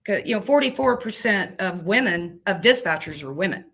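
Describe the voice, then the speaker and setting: A woman's voice: mid-range voice, lively intonation, moderate pace, fairly bright tone, breathy edge. A woman truck driver talking as an interview guest, plainspoken and emphatic in a folksy, casual way.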